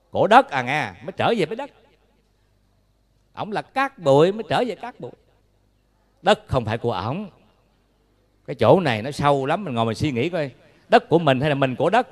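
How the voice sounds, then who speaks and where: Man, Buddhist monk, Southern Vietnamese accent, dharma talk, homely storytelling, fairly high voice. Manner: folksy, humorous, asks the audience questions.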